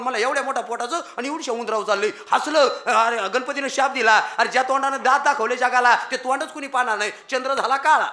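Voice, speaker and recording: A man's voice: extremely high pitch, sharp tone. A man preaching a devotional kirtan sermon, telling folksy stories with jokes and talking straight to the crowd.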